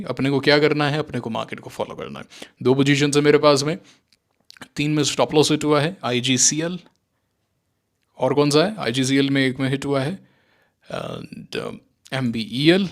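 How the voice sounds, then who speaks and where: A man teaching stock trading in casual, animated commentary, sarcastic and mocking, with Indian-accented English mixed into his talk. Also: medium pitch, normal speed, creaky, long pauses. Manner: sarcastic, mocks listeners in mimicking voices. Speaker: stock market trading educator.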